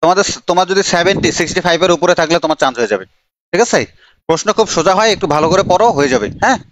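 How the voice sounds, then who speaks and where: Male coaching teacher, fast chatty delivery, slightly high voice, dry close sound. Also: fairly bright tone, no room sound. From Bangladesh. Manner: chatty, teasing, calls on students by name. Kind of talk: live online grammar class.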